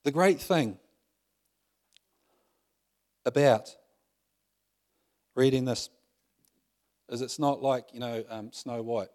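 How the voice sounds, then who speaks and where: A man's voice: mid-range voice, takes it slowly, long pauses, darkish tone. A middle-aged male pastor giving a conversational sermon, full of rhetorical tag questions and self-deprecating humor.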